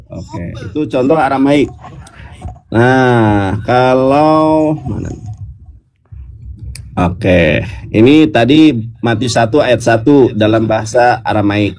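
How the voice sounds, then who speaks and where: A man explains verses in a patient, teacherly way, his pitch sitting right in the middle. He slips into a sung, chanting intonation when he reads verses aloud. His voice comes through a low-input mic with a detached sound card. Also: takes it slowly, long pauses, a little mellow. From West Java (Sundanese). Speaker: speaker explaining scripture. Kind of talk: online discussion call. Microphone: detached sound card, quiet input.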